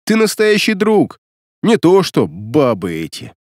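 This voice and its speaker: A man's voice: on the high side, wildly swooping pitch, normal speed, no room sound, studio quality, pitched above the performer's own voice. A man doing an eager lovestruck womanizer. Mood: warm. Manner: eager, insistent, pleading. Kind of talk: audiobook character reading.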